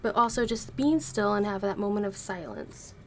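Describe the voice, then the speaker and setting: Over a faint hiss, a tarot reader with a gently toned, mid-pitched voice works through a reading at a careful, easy pace, since she's slightly hoarse from illness and sparing her voice. Her intonation is lively and her speed normal.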